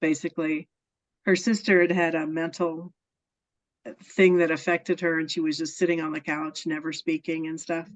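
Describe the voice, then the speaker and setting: A low-pitched woman with a flat delivery and moderate pace is interviewed, eagerly and sincerely telling personal stories and laughing a lot. The casual storytelling interview has dull, lo-fi sound quality.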